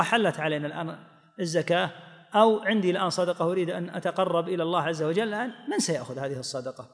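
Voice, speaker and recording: A man giving a measured religious lesson, explaining texts and voicing quoted speakers. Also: high-pitched, long reverb tail. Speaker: teacher explaining hadith.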